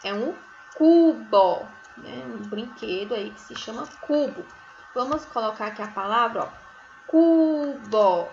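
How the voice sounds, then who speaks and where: A woman teaching a recorded first-grade phonics lesson, sounding out syllables slowly and often checking in with tags. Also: on the high side, creaky, fairly bright tone, muffled recording, slight background noise. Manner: slow, drawn-out syllables, sounding words out; frequent checking tags like "né?" and "certo?". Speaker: primary school teacher.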